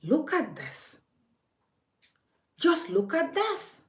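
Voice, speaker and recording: A woman with a high voice and huge pitch swings speaks extremely slowly in an impassioned vlog rant. She scolds forthrightly, addressing the viewer directly to make her case, and the room is echoey.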